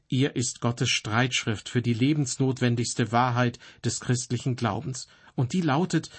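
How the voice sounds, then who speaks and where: Husky man giving earnest Bible teaching. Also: mid-range voice.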